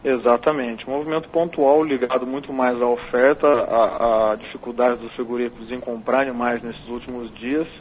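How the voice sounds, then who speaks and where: Brazilian man on a phone call, measured analytical talk, dull muffled line, faint hiss behind. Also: medium pitch, fairly even intonation. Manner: measured, analytical, tags points with "né?". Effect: heard over a phone line. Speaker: market analyst guest. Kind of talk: explaining market figures on a call-in interview.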